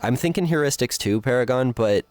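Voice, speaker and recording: A man's voice: medium pitch, lively intonation, a little fast, a little mellow, no echo, soft background music. A man streaming live, chatting casually with viewers and thinking aloud as he builds.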